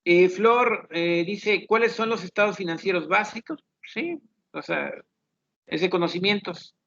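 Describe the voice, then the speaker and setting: A man teaches an online class, working through student questions one by one. His voice sits high and carries a gravelly edge. He thinks aloud in a measured, explanatory way, and the audio sounds dull and lo-fi. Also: animated, a bit bright.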